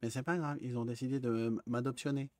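A man's voice: mid-range voice, fairly even intonation, fast talker, dry recording. A man in character as a naive, childlike gang member, stammering often in casual roleplay chat over a headset.

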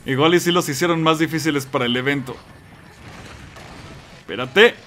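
High, bright excitable Mexican gamer man. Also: moderate pace, slight background noise. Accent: Mexican Spanish. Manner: excitable, yelps and curses at the game. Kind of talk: let's play commentary.

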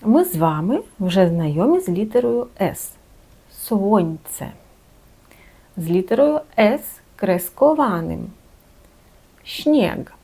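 A woman teaching a language lesson, saying words slowly and carefully to show their pronunciation. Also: mid-range voice, sing-song, mellow. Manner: careful, drawn-out word-by-word pronunciation.

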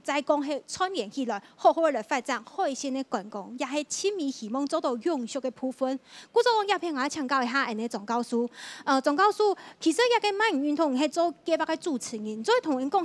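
High-voiced Hakka-accented woman host. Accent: Taiwanese Hakka. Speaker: talk show host. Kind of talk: hosting a panel discussion.

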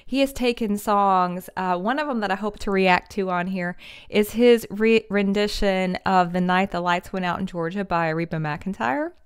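A woman's voice: mid-range voice, normal speed, clear, resonant tone. Chatty woman reacting to music. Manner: enthusiastic, chatty, laughs often. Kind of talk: casual reaction commentary. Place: small decorated home room with string lights. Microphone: studio condenser mic on stand.

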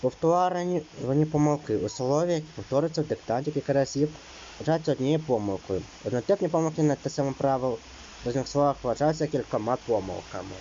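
A man of middle pitch gives an exam-prep lesson. He reads each rule and then explains it in a loose, filler-heavy way. The recording is a little dull, and faint rain is heard behind him. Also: expressive, quick pace, warm tone, a little hiss or hum. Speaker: teacher.

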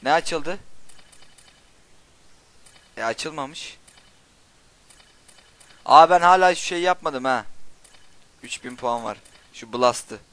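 A young man hosting a gaming channel, casually commenting on play, joking and swearing excitedly at the game. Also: on the high side, slow, pauses often.

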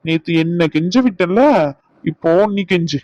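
A man's voice: a little high, steady tone, measured pace, darkish tone, no echo, poor audio. A man doing a teasing cartoon husband. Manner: teasing, scolding banter. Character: young husband, teasing and bossy. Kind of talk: cartoon voice acting.

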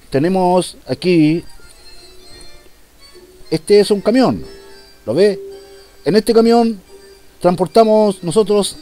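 A man's voice: high-pitched, mellow. A man performing a comic monologue as a police commissioner taking a phone call, in a mock-formal, polite manner.

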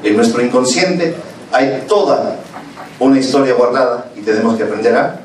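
A man giving a lively conference talk, acting out stories and firing questions at the audience. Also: mid-range voice, moderate pace. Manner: animated, questions the audience, acts out scenes. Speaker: conference speaker. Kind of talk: lecture with acted-out stories. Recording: echoey hall from far off, noisy.

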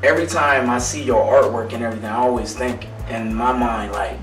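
A man's voice: mid-range voice, fairly even intonation, fairly quick, fairly bright tone. A man in his thirties interviewing a barber in a hyped, slangy way, often saying "you know what I mean". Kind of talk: casual interview. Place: small room indoors. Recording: roomy, distant mic, faint music.

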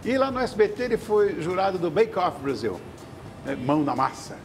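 Effusive older male TV host, slightly high. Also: normal speed, soft background music. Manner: effusive, jokey and flattering. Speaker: TV talk show host. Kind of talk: casual studio chat. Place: TV studio kitchen set.

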